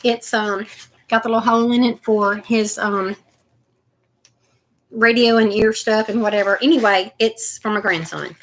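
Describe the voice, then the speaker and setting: A woman's voice: on the high side, fairly even intonation, moderate pace, fairly bright tone. Older woman, homey rambling chat, faint background noise. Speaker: crafting vlogger. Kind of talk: casual unboxing chat to viewers.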